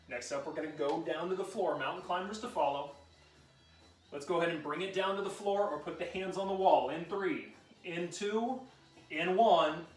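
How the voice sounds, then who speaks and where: Male fitness instructor, high voice, upbeat and encouraging, calls countdowns, recorded from a distance. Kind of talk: live workout coaching with countdown cues. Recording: roomy sound, mic at a distance.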